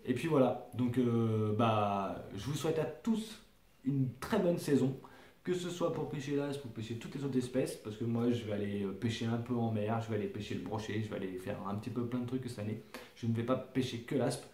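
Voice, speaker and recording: A man from France talks casually to his viewers about fishing gear in an echoey room. He hesitates often, restarts his sentences and fills the gaps with little fillers. His voice sits at an ordinary middle pitch. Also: fairly even intonation, moderate pace, dark tone. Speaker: fishing vlogger presenting lures. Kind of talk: casual talk to camera.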